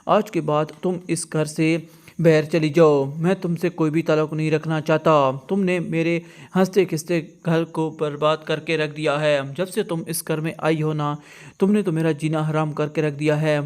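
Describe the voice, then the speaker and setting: Guy reading out a young husband's lines, kinda higher voice, flat and even. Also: lightly acted. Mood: angry. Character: young husband, remorseful and angry.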